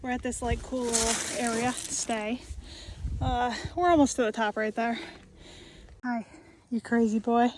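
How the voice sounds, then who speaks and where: High-voiced American woman in roaring wind. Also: fairly even intonation, moderate pace. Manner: chatty, talks cheerfully to her dog. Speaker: vlogger. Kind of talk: casual outdoor vlog narration. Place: outdoors on windy desert hills. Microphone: handheld phone. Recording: loud wind buffeting phone mic.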